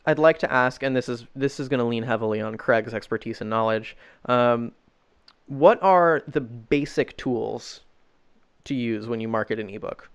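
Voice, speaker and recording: A man hosting a casual podcast, easygoing and measured, with frequent ums. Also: mid-range voice, clean tone. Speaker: podcast host.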